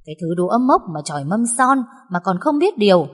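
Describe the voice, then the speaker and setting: A woman's voice: big pitch swings, quick pace. A woman voicing a bossy, scolding older mother-in-law in a reverberant recording. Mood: scornful. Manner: shrill scolding. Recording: long reverb.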